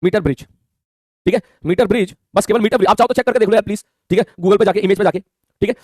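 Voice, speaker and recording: Male physics teacher, very fast talker, casual and chatty, fairly high voice, dry close sound. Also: a little mellow, breathy edge, no echo. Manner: rapid colloquial Hindi, calls students "mere bhai", frequent "theek hai". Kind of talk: online physics lesson.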